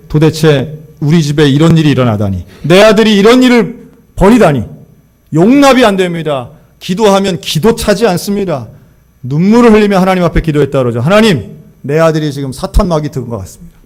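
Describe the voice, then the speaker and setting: A man preaching a sermon, telling a story and acting out the quoted lines in lively voices. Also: on the high side. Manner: animated, acts out quoted dialogue. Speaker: pastor.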